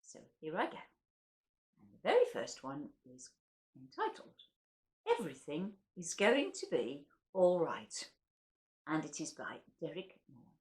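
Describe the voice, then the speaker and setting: This recital host has a deep voice whose pitch swoops wildly; she takes her time and leaves long pauses. She delivers the poetry expressively, in a theatrical and wryly comic way, with relaxed introductions between pieces.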